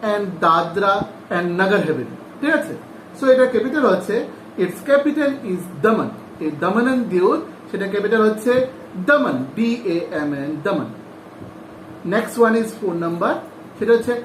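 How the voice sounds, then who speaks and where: A male teacher giving a class lesson, who repeats each name, spells it out letter by letter and asks the class questions. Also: sits high. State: sweating. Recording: echoey room, faint noise.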